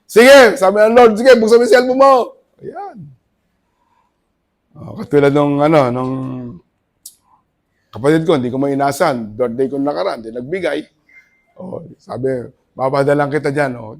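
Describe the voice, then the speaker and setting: A middle-aged Filipino pastor preaching a conversational sermon, swinging between loud praise and hushed asides. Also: male voice, fairly high pitch. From Philippines.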